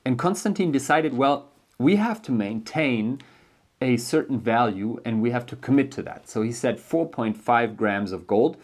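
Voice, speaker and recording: A man's voice: medium pitch, animated, moderate pace. German man explaining with many ums. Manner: thinking aloud, many ums and restarts. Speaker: educational video host. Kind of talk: casual spoken book explainer.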